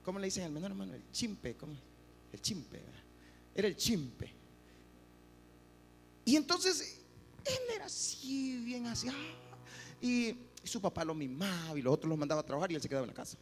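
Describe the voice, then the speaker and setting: Male pastor, high-pitched, animated, echoing church hall. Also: fast, creaky. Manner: animated, acts out quoted voices, addresses listeners as "hermano". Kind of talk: sermon. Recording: reverberant church hall, faint music.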